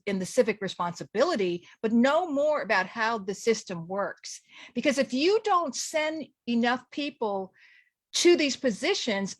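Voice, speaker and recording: A middle-aged woman from Los Angeles talks as a radio interview guest. She is chatty, full of fillers and restarts, with a fairly high voice. The sound is dry and close. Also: no room sound.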